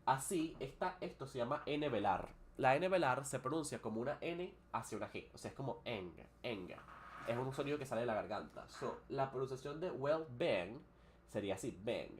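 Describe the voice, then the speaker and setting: A man's voice: medium pitch, animated, a little fast. Guy giving an english lesson live, lots of uh and restarts, mid voice, faint hiss behind. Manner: switches between Spanish and English, explains pronunciation with hesitant fillers. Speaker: English teacher.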